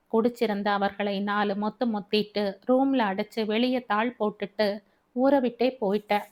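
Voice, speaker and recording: A woman with a Tamil accent narrating a family audio novel in first person, earnest and emotional. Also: medium pitch.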